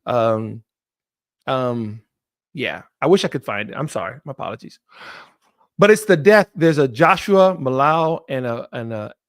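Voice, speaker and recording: A middle-aged man hosting a live commentary show, talking off the cuff in an impassioned way that turns halting and apologetic. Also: mid-range voice, no echo, clean studio sound. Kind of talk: unscripted live commentary monologue.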